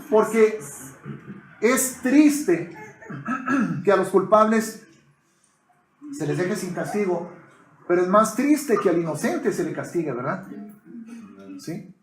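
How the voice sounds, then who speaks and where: A man's voice: high-pitched, echoey room, rough recording. A man preaching a sermon, often calling his listeners brothers and asking them to agree. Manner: addresses the congregation as brothers, asks for agreement often.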